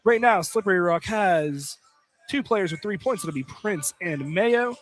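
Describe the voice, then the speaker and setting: A male play-by-play announcer calls live college basketball on the radio from courtside in an indoor field house, using clipped phrases and naming players by number. His voice is high-pitched and animated yet measured in pace, heard over music in a noisy gymnasium broadcast.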